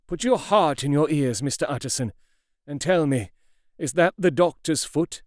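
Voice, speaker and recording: A man voicing a fearful elderly male butler in an audiobook, speaking low and confiding. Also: moderate pace, no room sound, studio quality, lightly acted. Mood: hushed. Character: fearful old male butler, hushed and grave. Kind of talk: audiobook character reading.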